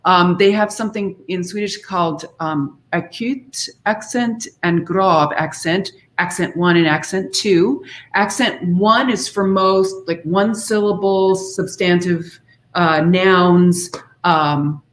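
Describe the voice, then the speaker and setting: A woman with a lowish voice speaks slowly as an interview guest. She is a singer and author, and she explains singing diction conversationally, demonstrating by example.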